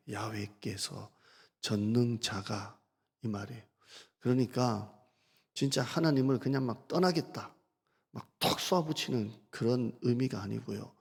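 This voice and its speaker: A male pastor preaching a sermon, asking the congregation rhetorical questions and reading scripture slowly and deliberately. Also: medium pitch, creaky, darkish tone, breathy edge. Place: church sanctuary. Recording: long reverb of a church hall.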